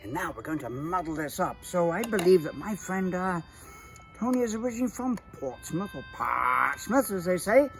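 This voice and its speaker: A man's voice: sits high, expressive, fairly quick, a little mellow, faint music behind. A man hosting a home cocktail show, chatting in an effusive, genteel, rambling way with frequent fillers. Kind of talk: casual cocktail-making chat.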